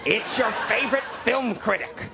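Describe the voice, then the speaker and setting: High, gravelly, nerdy film critic. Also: male voice, moderate pace, heavy background noise. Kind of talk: red-carpet comedy bit.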